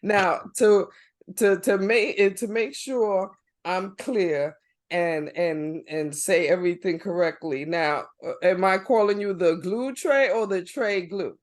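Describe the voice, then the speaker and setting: A man's voice: high-pitched, slow pace. A man hosting a podcast in casual chat, slangy and wordy, often hesitating as he goes. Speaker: podcast host.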